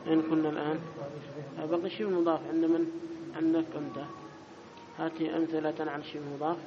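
Male grammar teacher, quizzes students, reads text aloud, fairly high voice, dull muffled sound. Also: little pitch movement, crowd noise. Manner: quizzes students and corrects them briskly. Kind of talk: classroom lesson with student questions. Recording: dull lo-fi recording with clear background noise.

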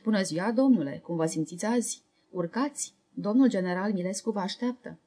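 A woman reading the lines of a ceremonious male hotel porter in a storybook, speaking politely and softly. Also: medium pitch, close to an everyday voice. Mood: courteous.

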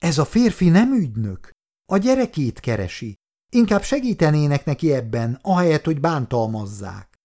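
A woman's voice: low-pitched, big pitch swings, dark tone, pitched above the performer's own voice. A male reader voicing a brave, exhausted young female nurse who speaks up with passion. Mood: pleading. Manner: impassioned, pleading. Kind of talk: audiobook dialogue.

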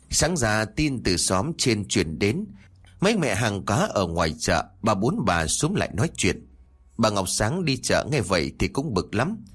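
A man narrating a village horror story in a lively, dramatic reading. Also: fairly low pitch, slightly rough.

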